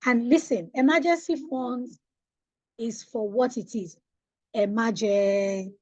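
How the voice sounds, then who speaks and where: This Nigerian woman coaches young listeners on money during a webinar, pressing her points with preacherly emphasis and frequent questions to the audience. Her voice sits fairly high but has a darkish tone, and she speaks slowly. The online audio carries no echo.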